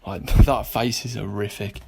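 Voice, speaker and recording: A man's voice: on the low side, steady tone, unhurried, vocal fry, over loud music. Blunt, sweary British man vlogging. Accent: British English. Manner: blunt, sweary and jokey, talking straight to viewers. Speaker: vlogger and personal trainer. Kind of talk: casual vlog chat. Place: gym, indoors.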